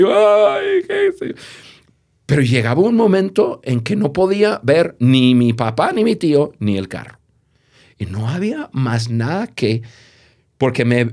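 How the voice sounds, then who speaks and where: A man, a podcast guest, telling a childhood story in conversation, animated and full of restarts. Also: medium pitch. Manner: animated, lively, with many restarts.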